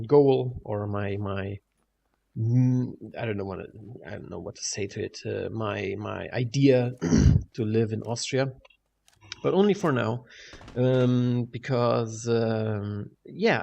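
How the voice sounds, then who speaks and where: Over game footage, a German-accented video creator rambles through a casual update, hesitant and sprinkled with swearing. His medium-pitched voice has a darkish tone, echoing in a big room at home with clear background noise.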